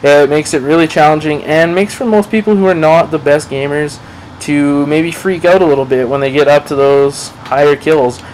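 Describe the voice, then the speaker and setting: A man's voice: on the high side, steady tone, moderate pace, darkish tone, slight background noise, poor audio. A man giving casual gameplay commentary over a match, rambling, swearing freely and playing himself down. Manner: rambling, profane, self-deprecating. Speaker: gaming commentator.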